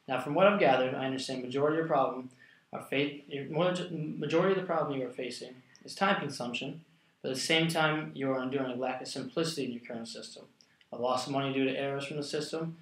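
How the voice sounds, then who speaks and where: A man speaks as a sales representative making his pitch in a roomy, echoing space. His delivery is formal and rehearsed, with occasional stumbles over words. His voice sits at an ordinary male pitch. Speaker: sales representative in a practice role play. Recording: echoey, roomy sound.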